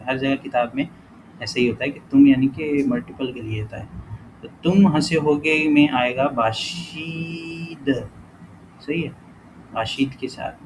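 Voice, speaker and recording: A man's voice: medium pitch, steady tone. Man teaching aloud over background noise. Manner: thinks aloud, corrects himself, reads words slowly. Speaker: language teacher. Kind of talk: casual recorded lesson, working through exercises.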